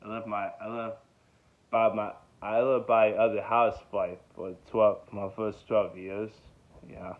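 A young man in his twenties from Georgia talks about himself in a loose, rambling vlog, circling back with fillers and repeated yeahs. His voice sits a little low. The sound is narrow and tinny, like a phone line, recorded close up in a small bedroom. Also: little pitch movement, unhurried. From Georgia, USA. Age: 20s. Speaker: vlogger. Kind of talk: casual self-introduction vlog. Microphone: phone held close at arm's length.

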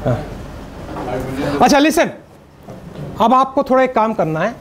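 High-voiced Indian male speaking coach. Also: a little slow, crowd noise. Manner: energetic, directs the audience, jokes. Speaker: public speaking trainer. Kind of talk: live workshop talk mixing Hindi and English. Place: seminar room with live audience.

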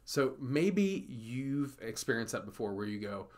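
A man's voice: mid-range voice, very animated, unhurried. A man in his thirties, a marketing agency host, giving business advice straight to a webcam in a small office, talking conversationally and repeating key points for emphasis. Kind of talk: direct-to-camera business advice.

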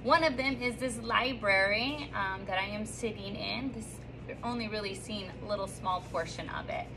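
A third grade teacher in her thirties films a cheerful, sing-song welcome and a picture book read-aloud for her class from the classroom reading corner. Her medium-pitched voice moves at normal speed, upbeat with lively rises and slips as she reads. A phone or camera on a stand a few feet away picks her up along with background noise.

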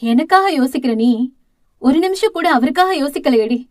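A woman's voice: high-pitched, animated, normal speed, no echo, studio quality. A woman voicing a guilt-ridden young elder sister in an audio novel, speaking tearfully and blaming herself. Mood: despairing. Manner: tearful, pleading, self-blaming.

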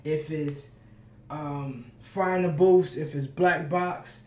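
A man hosting a reaction video, talking casually while standing, hyped and full of shout-outs. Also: fairly high pitch, fairly even intonation, slow. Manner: talks standing up. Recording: echoey room with music playing.

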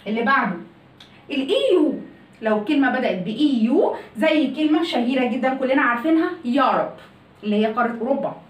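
A woman's voice: sits high, expressive, quick pace. A woman with an Egyptian Arabic accent teaching English pronunciation in a video lesson, asking and answering her own questions. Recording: echoey room, mic at a distance.

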